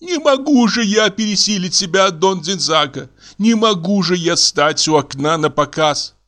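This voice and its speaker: A man's voice: high voice, expressive, moderate pace, fairly bright tone, pitched above the performer's own voice. A man voicing a tearful, stubborn German painter's wife who sobs her protests in an audiobook reading. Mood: distraught. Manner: wailing, sobbing protests.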